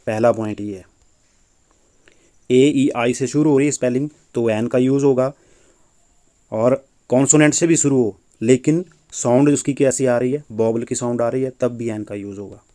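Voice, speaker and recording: A man's voice: medium pitch, fairly even intonation, moderate pace, warm tone. A man teaching a grammar lesson, patiently explaining and repeating points with rhetorical questions.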